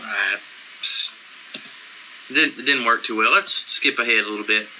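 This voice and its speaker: A man's voice: mid-range voice, moderate pace, bright, forceful tone, slight background noise, low-quality recording. A man co-hosting a casual show, joking crudely and laughing often as he comments on a film trailer. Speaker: podcast co-host.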